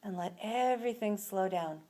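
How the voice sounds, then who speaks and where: With a mellow mid-range voice, a woman instructs a guided relaxation, her delivery gentle and slow with lengthy pauses separating her phrases.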